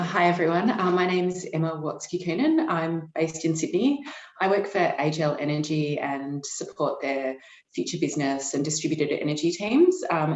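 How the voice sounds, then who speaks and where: A woman introducing herself on a video call, halting with many uhs and ums. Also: deep voice, darkish tone. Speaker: meeting participant. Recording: dull, roomy video call audio.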